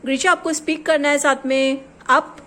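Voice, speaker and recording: A woman's voice: high voice, fairly even intonation, moderate pace, bright, forceful tone. A woman teacher giving a home lesson to a small child, patiently drilling word pairs and mixing English words into Hindi.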